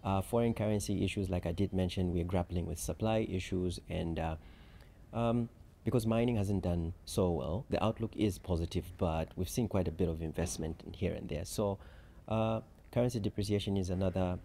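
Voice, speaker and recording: Man, low mellow voice, measured interview answers, faint hiss behind. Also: fairly even intonation, vocal fry. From Zambia. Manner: measured, structured explanations with frequent "so" and "um". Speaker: chief risk officer, interview guest. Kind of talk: conference interview.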